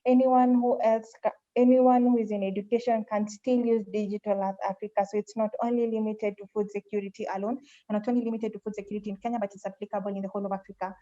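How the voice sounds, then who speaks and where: A woman giving a webinar pitch presentation over a video call, often repeating phrases as she searches for words. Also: level tone, fast, warm tone, dull audio.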